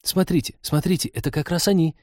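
A man's voice: fairly high pitch, steady tone, quick pace, a little mellow, no echo, clean studio sound, pitched above the performer's own voice, close to an everyday voice. A man voicing a curious, impulsive young woman space traveler who talks with eager wonder.

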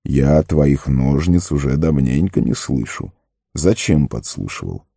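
A man puts on a grave old wizard in an audiobook, commanding and stern. The voice sits very low, dark and gravelly. It is close and dry. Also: animated, dry recording, full character voice. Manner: grave, slow and warning. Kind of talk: audiobook character reading.

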